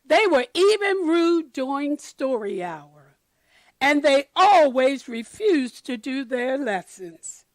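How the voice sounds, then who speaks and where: A woman reading a picture book aloud to children, deliberate and expressive, pausing to comment to her listeners. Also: sits high, no echo. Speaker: storyteller for children.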